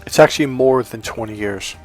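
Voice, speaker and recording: A man's voice: medium pitch, a little fast, darkish tone, faint music behind. A middle-aged American man telling personal stories casually, wandering off on tangents and speaking straight to the viewer. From California, United States. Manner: conversational, digressive, addresses viewer directly. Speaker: dating coach telling personal history. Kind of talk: casual autobiographical storytelling to viewers.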